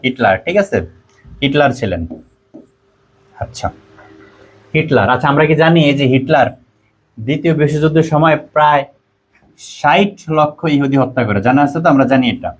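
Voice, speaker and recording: Bangladeshi tutor drilling quiz questions. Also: male voice, medium pitch, moderate pace, pauses often, husky. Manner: repeats questions and options, reads out students' answers. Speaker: admission test tutor. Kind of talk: online quiz lesson.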